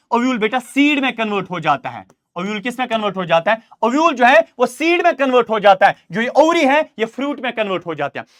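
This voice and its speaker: A man's voice: very high voice, a bit bright. A man with a Kashmiri accent teaching a school biology lesson, repeating each point and asking and answering his own questions. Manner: repetitive drilling, asks and answers own questions, calls students "beta". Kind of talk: classroom lecture.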